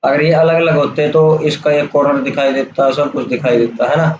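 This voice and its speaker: A man giving a casual, step-by-step software tutorial over a screen recording, checking in often with the listener. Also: on the high side, steady tone, fairly quick. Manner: casual, explains step by step with "theek hai" checks. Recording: roomy, dull lo-fi sound with faint hiss.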